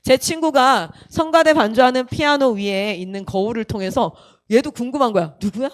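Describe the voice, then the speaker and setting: A woman's voice: fairly high pitch, normal speed. A woman missionary giving her personal testimony to a youth camp. She tells the story with energy, acts out what other people said and keeps asking the audience direct questions.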